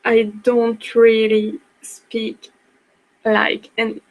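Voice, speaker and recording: A young woman with a French accent gives a live online workshop, slow and careful in her English. Her voice sits fairly high but stays flat and even. She apologizes often and stumbles into restarts. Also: muffled recording. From France. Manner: apologetic, hesitant, many restarts. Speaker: blogging workshop presenter.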